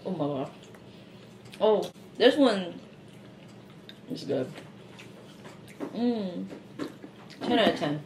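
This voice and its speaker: A woman chats casually on her vlog while her mouth is full. She has a gravelly, fry-tinged voice. A faint hiss sits under the recording. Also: medium pitch, expressive, very slow, pauses often, echoey room. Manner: chatty, giggly, casual. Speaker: vlogger taste-testing cookies. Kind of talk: casual taste-test chat.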